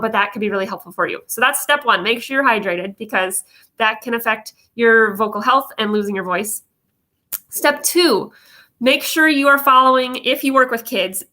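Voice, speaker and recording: Bright-voiced woman giving practical coaching advice. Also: on the high side. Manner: explanatory, emphatic, with frequent check-in questions. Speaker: vocal coach presenting advice videos. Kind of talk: informal instructional talk to viewers.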